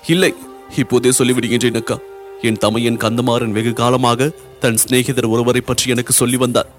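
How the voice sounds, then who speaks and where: A man's voice: mid-range voice, flat delivery, moderate pace, faint music behind, close to an everyday voice. A man voicing a grieving young noblewoman who pleads through sobs. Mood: pleading. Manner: sobbing, imploring.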